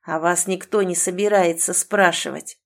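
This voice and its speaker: A woman's voice: a little high, lightly acted. A woman doing a sneering scarred brute. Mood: menacing. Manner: sneering, slow and taunting. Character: big scarred male bandit, mocking and menacing.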